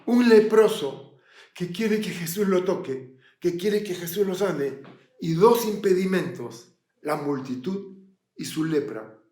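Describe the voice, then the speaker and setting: A male pastor preaches with vivid, dramatic storytelling. His slightly raised voice drops low and then climbs loud again. The sound rings in a roomy church hall. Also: lively intonation, takes it slowly. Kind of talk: sermon.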